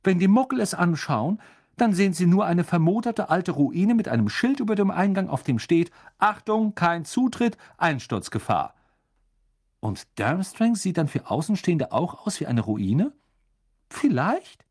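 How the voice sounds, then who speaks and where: Brief: Mann spricht besserwisserisches Schulmädchen, zügig belehrend, lebhafte Melodie. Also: male voice, sits high, sing-song, darkish tone, breathy edge, voice pushed up, exaggerated voice. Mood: lecturing. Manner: brisk and lecturing. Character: clever know-it-all schoolgirl.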